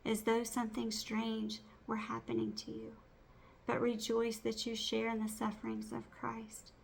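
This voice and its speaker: Creaky-voiced woman reciting scripture by rote. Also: fairly high pitch, a little hiss or hum, rough recording. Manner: reciting by rote, measured phrase by phrase.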